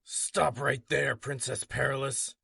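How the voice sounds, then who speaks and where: A man voicing a gruff, brooding masked vigilante hero, speaking in a low growl. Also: steady tone, measured pace, bright, forceful tone, no room sound, clean studio sound, exaggerated voice. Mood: stern.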